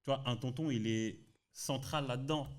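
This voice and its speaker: A man from France, a podcast guest, telling a story in lively, slangy casual chat. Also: medium pitch, normal speed.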